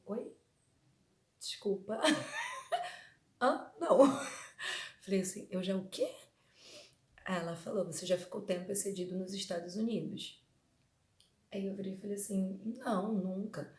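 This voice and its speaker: A woman from Brazil telling a story to her viewers in a relaxed vlog, her voice sitting low for a woman. She talks chattily and keeps rephrasing herself. The room around her is echoey. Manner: chatty, many fillers and rephrasings. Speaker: vlogger.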